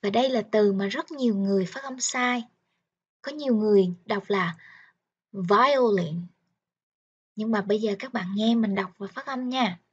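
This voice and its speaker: A woman teaching the alphabet to children. She pronounces each word slowly, repeats it, and praises the listener. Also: mid-range voice, darkish tone, husky. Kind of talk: slow pronunciation drill. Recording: dull lo-fi sound.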